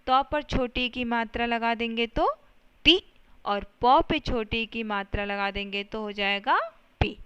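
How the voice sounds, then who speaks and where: A woman's voice: on the high side, a bit bright, clean tone. A woman teaching a lesson to young children, explaining patiently step by step and often checking that they follow.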